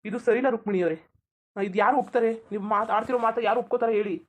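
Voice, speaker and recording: A woman's voice: fairly high pitch, steady tone, racing, natural voice. A woman voicing a flustered, polite young married man in a cartoon, pleading with someone to stop. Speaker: cartoon character. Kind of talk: Kannada cartoon voice acting.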